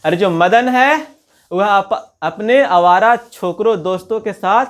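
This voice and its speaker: A man's voice: high voice, slow, fairly bright tone. A man, teaching as a teacher. He reads a story passage, then retells it in local dialect and asks the listener questions. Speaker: Hindi teacher. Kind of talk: explaining a textbook story line by line.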